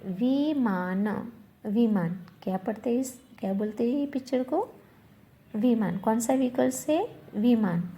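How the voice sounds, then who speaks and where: A woman's voice: on the high side, lively intonation, normal speed, warm tone. A woman teacher leading a revision lesson, spelling words letter by letter, repeating them and answering her own questions. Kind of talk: slow classroom revision lesson.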